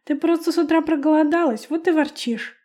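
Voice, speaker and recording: A woman's voice: high voice, fairly quick, mellow, voice pushed up, close to an everyday voice. A woman voicing a cocky young man who turns into a tiger, teasing and playful.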